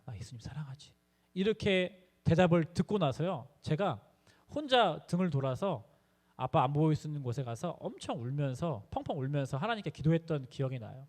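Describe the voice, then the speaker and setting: High-pitched guy giving a youth sermon, earnest storytelling, gets fervent asking the kids questions. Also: darkish tone. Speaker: youth preacher.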